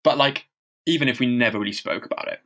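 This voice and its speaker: Podcast co-host, man with a stammer, mid-pitched, rambling and self-mocking. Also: fast, a bit bright. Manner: stammers, with blocks and repeated sounds; loose and chatty, with lots of fillers and self-deprecating asides. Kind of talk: casual chat.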